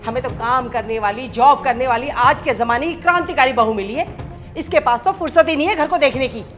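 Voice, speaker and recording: A woman's voice: high voice, brisk, fairly bright tone. An actress playing a proud, casteist mother-in-law who scolds her daughter-in-law and her maid with contempt. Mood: scornful. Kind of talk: short film acting. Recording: echoey room with music.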